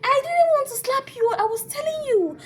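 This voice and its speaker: Bossy male lecturer as a woman mimics him, shrill and scolding, pitched way up. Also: animated, moderate pace. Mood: defensive.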